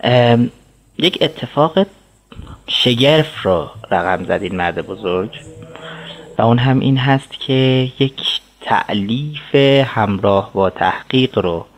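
A man giving a scholarly explanation as a guest, in a formal, deliberate manner. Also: medium pitch, lively intonation. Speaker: guest scholar of Persian literature.

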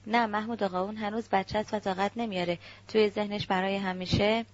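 A woman's voice: mid-range voice, steady tone, lightly acted. A stern, frowning older man speaks firmly, as a woman narrator reads his part. The sound is dull and lo-fi. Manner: firm. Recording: dull lo-fi recording.

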